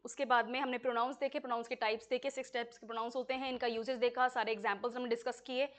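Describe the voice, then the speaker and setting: Woman, high voice, coaching class, patient step-by-step explaining, frequent check-ins. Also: steady tone, racing, fairly bright tone. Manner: explanatory, checks in with students often. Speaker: English teacher. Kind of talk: exam coaching lesson in Hindi with English examples.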